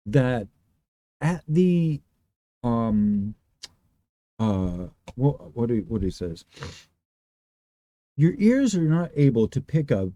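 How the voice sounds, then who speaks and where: A man with a very dark, booming voice talks his regulars through an unscripted explanation. His pitch moves a lot as he rambles, starting sentences over and thinking out loud. The sound is dry and close. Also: dry recording. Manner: rambling, restarts often, thinks aloud. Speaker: livestream host.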